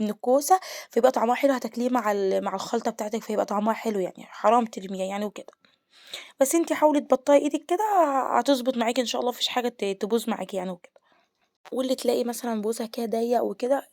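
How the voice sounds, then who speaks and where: A woman's voice: a little high, a little mellow, no echo, studio quality. A woman with an Egyptian Arabic accent hosting a home cooking tutorial, chatty and explaining each step to her viewers. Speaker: cooking channel host. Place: home kitchen.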